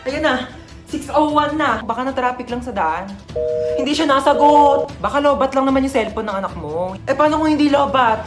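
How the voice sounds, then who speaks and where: Casting: high-pitched woman, fretting comic mom, faint music behind. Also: normal speed. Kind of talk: comic skit acting.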